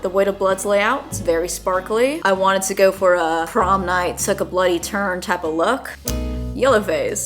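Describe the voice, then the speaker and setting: Chatty young woman with lilt. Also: mid-range voice. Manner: chatty, upbeat, lightly sarcastic asides. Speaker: book YouTuber. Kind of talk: casual vlog voice-over. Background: soft background music.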